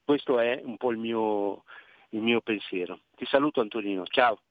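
A man's voice: lowish voice, normal speed, no room sound. A man from Milan calling in to a radio show over the phone, chatting casually and often stumbling and repeating words as he searches for them. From Milan, Italy. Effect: heard over the phone. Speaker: radio call-in listener. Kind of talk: casual call-in chat. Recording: tinny dry phone line.

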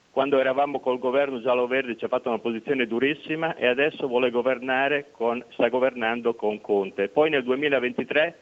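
Male radio show caller, mid-pitched, insistent and repetitive, heard down a thin phone line. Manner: insistent, repeats his points. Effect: voice heard over a phone line. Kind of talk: call-in political opinion. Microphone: telephone.

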